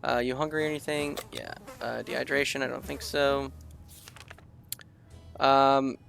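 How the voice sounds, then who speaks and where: A man talks his way through a survival game in a relaxed, thinking-aloud manner, full of ums. His voice is gravelly and sits at an ordinary pitch. Soft game music plays underneath. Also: a little slow. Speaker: gaming video creator. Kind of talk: casual let's-play commentary, reading game text aloud.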